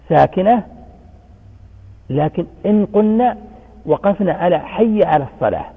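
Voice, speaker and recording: A man giving a religious lesson, quizzing his students and answering his own questions. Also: a little high. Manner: chants the call to prayer in demonstration. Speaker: religious teacher. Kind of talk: classroom lesson. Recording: tinny phone-like sound in a reverberant hall.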